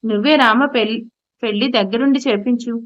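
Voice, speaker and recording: A woman voicing a fond, gentle middle-aged mother in an audio story, speaking affectionately. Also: on the high side, steady tone, fairly quick, close to an everyday voice. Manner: warm, affectionate. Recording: slightly muffled audio.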